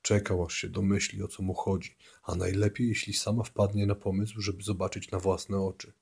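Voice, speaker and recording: Man, audiobook narrator, low voice, slightly husky, scripted reading. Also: little pitch movement, moderate pace, darkish tone.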